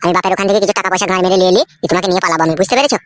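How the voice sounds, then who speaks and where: Voice actor doing a gruff, crude young cartoon villager. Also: rapid-fire, no echo, lightly acted. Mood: scheming. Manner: low, gruff, mutters crude slang. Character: scheming lowborn young village man.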